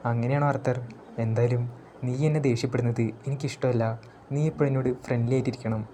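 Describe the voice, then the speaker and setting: Shy young princess, man reading, storybook recap, mellow. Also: mid-range voice, steady tone, fast, a little hiss or hum, natural voice. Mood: tender. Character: young woman, elf princess, shy and warm.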